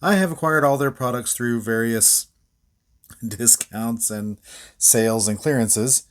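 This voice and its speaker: A man talks through a hands-on toy review in a loose, casual way. He fills the gaps with "uh" and "yeah" and laughs quietly to himself. His voice sits at an ordinary middle pitch. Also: slow pace. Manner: relaxed, rambling, many fillers and small laughs.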